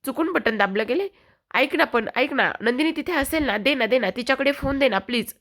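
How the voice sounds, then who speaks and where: A woman's voice: medium pitch, moderate pace, a bit bright, close to an everyday voice. A woman voicing a tearful young husband who pleads and repeats himself, retold from a TV serial. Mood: pleading.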